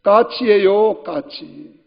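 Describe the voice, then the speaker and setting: A man's voice: high voice, extremely slow, pitched above the performer's own voice, exaggerated voice. A man voicing an impatient, short-tempered grown son who answers in an exasperated, snapping way, in a reverberant church hall with dull sound. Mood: irritated.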